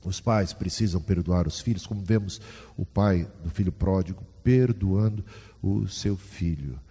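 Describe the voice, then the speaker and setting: A man gives a sermon, chatting with the congregation and asking them questions. His voice is mellow and a little husky. It rings with the long echo of a church hall. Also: deep voice, unhurried. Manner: conversational, asks the audience questions. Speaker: preacher.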